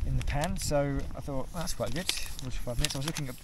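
A wild camping vlogger with a medium-pitched voice talks fast and casually to camera while camping outdoors, in and around his tent on exposed moorland. The recording has loud wind noise.

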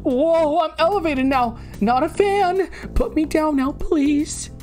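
A woman's voice: sits high, takes it slowly, darkish tone, faint music behind, pitched above the performer's own voice. A woman voicing a small, frightened talking cotton candy that pleads anxiously. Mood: uneasy.

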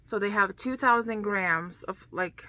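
Slow, bright-voiced woman chatting to camera. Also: mid-range voice, no room sound. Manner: rambling, chatty, drops into whispers. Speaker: crochet vlogger. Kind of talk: casual chat to camera. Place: home room, dim.

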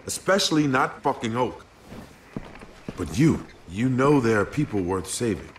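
An actor playing an earnest, worried American boat captain in a dramatic video game about surviving an apocalypse, with an insistent way of talking. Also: male voice, mid-range voice, very animated, measured pace, a little hiss or hum.

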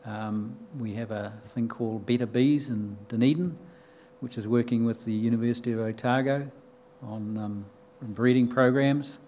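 Speaking at medium pitch and normal speed, this older New Zealand-accented man delivers a conference talk from a podium mic, his tone steady and a little mellow. The lecture room has bookshelves and an audience, there's a little hiss or hum, and he explains plainly with lots of ums and restarts.

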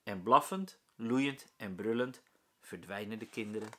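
A man, a primary school teacher, reading a children's book aloud with lively, expressive storytelling. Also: on the low side, measured pace.

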